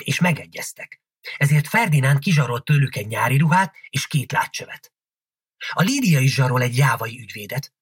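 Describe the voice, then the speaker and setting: A man reading a novel aloud as an audiobook narrator, in a steady storytelling delivery. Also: mid-range voice, husky, no room sound, clean studio sound.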